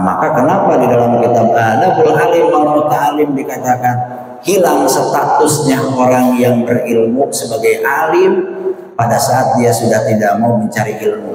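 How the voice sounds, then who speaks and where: Man preaching in an echoey hall. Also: fairly high pitch. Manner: lively, joking, asks the crowd questions. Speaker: religious teacher. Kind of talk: sermon to a men's study group. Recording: echoey hall, distant mic, faint noise.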